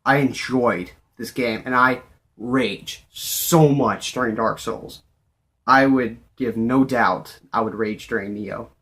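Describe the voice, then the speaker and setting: Man, medium pitch, overexcited gushing, repetitive phrasing, casual off-the-cuff gaming vlog commentary. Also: slow, fairly bright tone. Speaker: video game vlogger. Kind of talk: casual, unscripted fan commentary on games.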